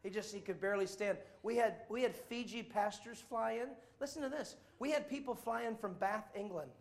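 High-voiced animated preacher man. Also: fairly quick, vocal fry. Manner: jokey, does voices and mock accents in quotes. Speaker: traveling evangelist preacher. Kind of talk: animated sermon storytelling.

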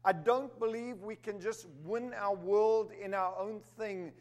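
Preaching with a steady tone at a measured pace, this Zimbabwean man raised in South Africa has a high, slightly mellow voice. His sermon is emphatic, punching key words upward and sprinkled with humor.

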